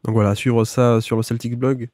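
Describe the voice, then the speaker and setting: A man hosting a casual podcast, sounding congested and a little gravelly from a cold. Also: mid-range voice, flat delivery, normal speed, a little mellow, no room sound, studio quality. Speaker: podcast host.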